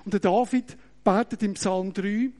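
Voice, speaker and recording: A middle-aged man with a Swiss German accent preaching an animated, joking sermon that pulls the audience in, often tagging his sentences with "oder?". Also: high voice, unhurried. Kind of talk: lively sermon with audience demonstration.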